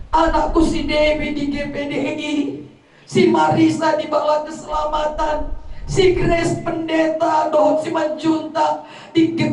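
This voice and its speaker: A woman's voice: sits high, a little mellow. A middle-aged woman gives a eulogy at a funeral gathering, telling heartfelt family stories and quoting her relatives. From North Sumatra. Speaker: daughter giving a eulogy. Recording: echoey room, voice from far off the mic.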